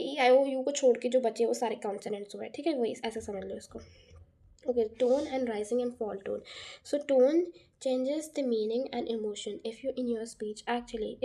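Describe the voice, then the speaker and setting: A young Indian woman with a warm, slightly high voice gives a casual exam-prep lecture mixing Hindi and English. She explains by checking in often with "okay" and correcting herself as she goes. She has a cough.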